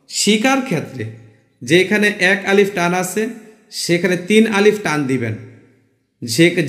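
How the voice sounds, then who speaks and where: Man, high voice, Quran reading teacher, drawn-out repeated syllables, echoey room with long reverb. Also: a bit bright. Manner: repeats rules slowly, drawing out syllables; asks viewers questions, urges them on. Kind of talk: spoken lesson on Quran reading rules.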